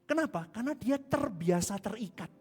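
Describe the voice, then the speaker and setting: A male pastor preaching a sermon. He swings from hushed asides to shouting and calls the congregation to answer back. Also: sits high, animated, fairly quick, husky. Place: large church hall. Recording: long hall reverb with music behind.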